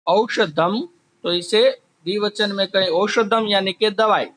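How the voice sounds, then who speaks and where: A man teaching a class, slowly drilling word forms, asking questions and answering them himself. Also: sits high, steady tone, fairly bright tone. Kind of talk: slow classroom explanation. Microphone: recorded while writing on a board.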